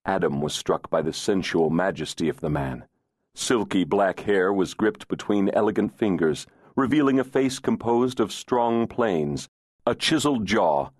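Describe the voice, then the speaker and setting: A man narrating a novel audiobook in measured, expressive storytelling. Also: sits low, dry recording, studio quality. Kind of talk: scripted narration of a romance fantasy novel.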